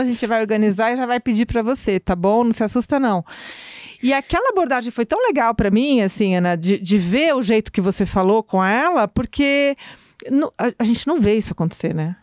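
A woman's voice: fast, no room sound, clean studio sound. A woman, a podcast host telling a story with animation and acting out the voices she quotes. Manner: animated storyteller, acts out quotes with big pitch jumps. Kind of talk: storytelling in conversation. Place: podcast studio.

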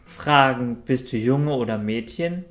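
A man's voice: mid-range voice, unhurried, a bit bright, natural voice. A man voicing a polite, quacking winged island gnome in a storybook reading.

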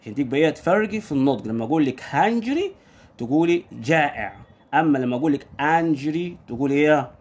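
A man with an Egyptian Arabic accent tutors his young daughter at home. He drills her patiently, prompting her with one question after another. His fairly high voice rises and falls in a lively sing-song. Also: very fast, slightly rough. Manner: patient drilling with constant call-and-response questions. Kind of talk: home English lesson for a young child.

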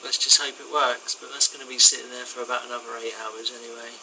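A man gives an informal, off-the-cuff explanation in a sharp, very bright voice. His pitch sits at a middling height and stays quite monotone. It is a handheld home recording with a faint machine hum behind him. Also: fast talker, poor audio. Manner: informal, colloquial. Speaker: hobbyist demonstrating a homemade project. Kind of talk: casual handheld video explanation. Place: small domestic kitchen, indoors. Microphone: handheld phone or camera behind the lens.

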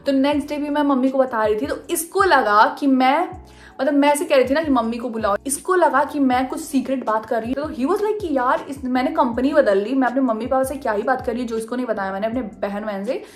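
Young woman vlogger, chatty storyteller, slightly high voice. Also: fairly quick, soft background music. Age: young adult. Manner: chatty, animated, mixing Hindi and English. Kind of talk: casual storytime.

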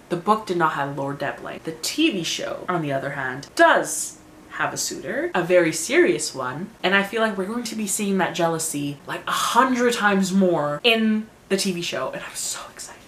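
A woman's voice: lowish voice, lively intonation, normal speed, slight background noise. A woman rambling enthusiastically as a vlogger, gushing and telling the story in a casual way. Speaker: book and TV vlogger. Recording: roomy echo.

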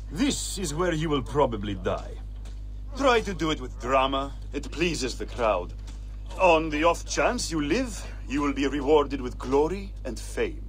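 A jaded master of a gladiator arena in a video game. He is coarse and mocking, with a highish, very animated delivery and theatrical flair, over faint music. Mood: mocking, menacing.

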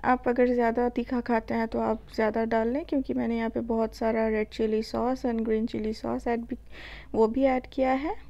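High, mellow-voiced Indian woman narrating a recipe. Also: vocal fry, dull audio. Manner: calm step-by-step instructions with filler pauses. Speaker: cooking channel host. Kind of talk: voice-over cooking tutorial.

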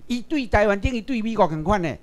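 A man from Taiwan lectures a class in a high voice. His pitch swings widely as he presses his points. He keeps turning to the audience with direct rhetorical questions. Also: animated, fast talker.

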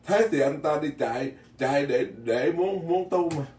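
Recorded at a distance in an echoey Virginia temple hall, a Buddhist monk delivers a blunt, folksy dharma talk, frequently repeating words. He speaks at normal speed in a slightly high, darkish voice.

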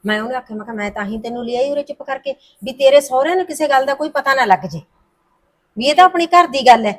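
A woman's voice: sits high, expressive, fast. An actress playing a middle-aged mother who soothes and pleads with her daughter, speaking. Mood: soothing. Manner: soothing, pleading, says "puttar" a lot. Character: soothing middle-aged mother smoothing over family quarrels. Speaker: the heroine's mother.

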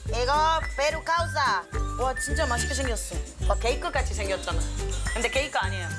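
A woman's voice: sits high, fairly quick. A woman from Colombia, a native Spanish speaker with a Colombian accent, chatting casually and expressively. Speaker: featured subject of a documentary. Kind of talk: casual chat to camera. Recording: background music under the voice.

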